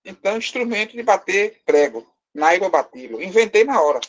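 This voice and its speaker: A man's voice: high voice, big pitch swings, brisk. A man with a Brazilian Portuguese accent teaching a live class, explaining step by step, quizzing his students and joking with them. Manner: lightly teasing, joking with the class. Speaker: language teacher.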